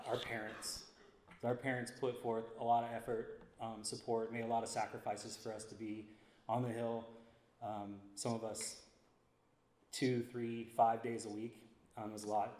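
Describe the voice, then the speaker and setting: Man, mid-pitched, hesitant acceptance speaker, echoey room with faint noise. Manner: halting, frequent long ums. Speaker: award honoree giving acceptance speech. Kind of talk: acceptance speech.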